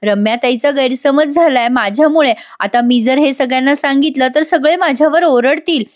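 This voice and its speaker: A woman's voice: high-pitched, moderate pace, close to an everyday voice. A woman voicing an anxious young girl confessing a prank that went wrong. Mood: worried. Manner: worried, confessing.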